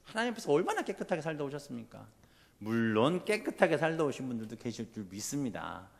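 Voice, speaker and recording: A man preaching a sermon, telling a childhood story and then building to fervent emphasis. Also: medium pitch. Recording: long hall reverb.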